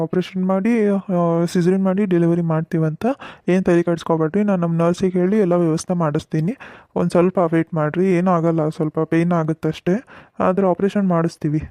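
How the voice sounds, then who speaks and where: A man voicing a calm, reassuring male hospital doctor in a cartoon, speaking with a North Karnataka Kannada accent. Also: sits high, fairly quick, no echo, close to an everyday voice. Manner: patient, explaining, soothing. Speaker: voice actor. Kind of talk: cartoon comedy voice acting.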